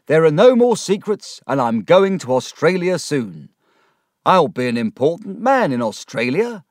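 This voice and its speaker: A man voicing an excitable, boastful middle-aged man who turns loud and shrill in a panic. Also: slow, no room sound, clean studio sound, heavily acted. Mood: proud.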